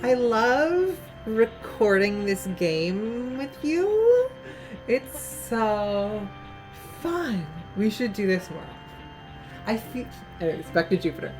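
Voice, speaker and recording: A woman casually discussing a story game as she plays, thinking aloud in rambling, filler-laden sentences. Her voice is fairly high and slow. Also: sing-song, a little mellow, soft background music, low-quality recording. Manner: thoughtful, rambling, many "like" fillers. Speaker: let's play co-host.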